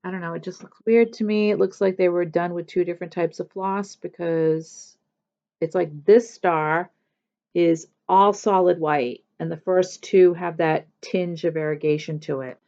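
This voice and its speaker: A woman talks slowly and casually in a lowish voice, showing her stitching projects. She rambles and corrects herself often. The sound is dull and lo-fi. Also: steady tone, darkish tone. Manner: chatty, rambling, self-correcting. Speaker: cross-stitch vlogger. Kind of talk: casual show-and-tell chat.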